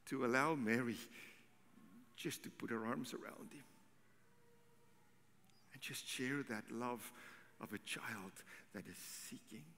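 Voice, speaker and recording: A male pastor delivers a sermon at a slow, deliberate pace. He swings from loud, ringing declarations down to hushed, almost whispered lines. His voice carries a long reverb from the church sanctuary. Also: medium pitch, slight background noise.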